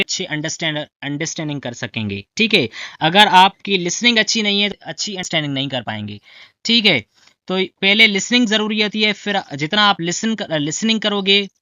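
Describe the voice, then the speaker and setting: High, bright male teacher. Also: dry recording. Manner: explains patiently, checks in with "right", mixes in English phrases. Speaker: English teacher. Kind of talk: spoken lecture. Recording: dull lo-fi, dry.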